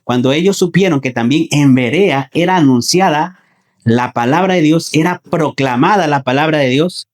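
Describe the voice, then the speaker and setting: A man's voice: fairly high pitch, normal speed. A man preaching a Sunday sermon in who often repeats phrases, asks the congregation questions and calls them his brothers. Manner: addresses listeners as brothers.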